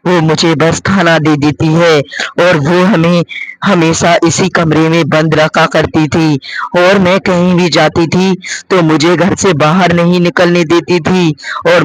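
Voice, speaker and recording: A man voicing a ghostly witch girl in a cartoon horror story, talking slowly and with menace. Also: a little high, dry recording, low-quality recording. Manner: slow, menacing, mournful.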